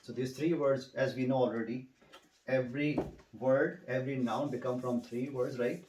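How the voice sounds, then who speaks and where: A man tutoring one student in recitation, patiently explaining and repeating words slowly so the student can echo them. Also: mid-range voice, steady tone, a little mellow, distant mic, a little hiss or hum. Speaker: Quran recitation teacher. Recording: roomy, a bit off-mic.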